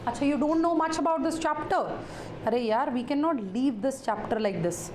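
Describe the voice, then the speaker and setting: Echoey room, woman lecturer, North Indian accent, high-pitched, repetitive phrasing, direct address to students, Hindi interjections. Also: quick pace, darkish tone. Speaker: teacher. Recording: echoey room, faint background noise.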